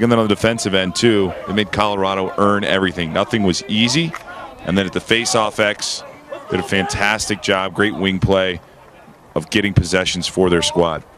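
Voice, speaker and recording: A man giving sideline analysis at an outdoor lacrosse game, enthusiastic and joking. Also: low voice. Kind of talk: live sports color commentary. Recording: outdoor field noise.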